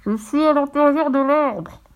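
A woman's voice: sits high, measured pace, pitched above the performer's own voice. A woman voicing Fifi, a bold and mischievous young girl in a storybook reading. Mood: playful. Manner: cheeky, boastful, mischievous. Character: bold playful girl adventurer.

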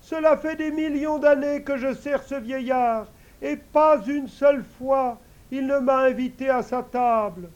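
A man voicing an invisible male servant spirit in a storybook, speaking high and excited with devotion. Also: unhurried, few pauses, highs cut off. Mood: eager.

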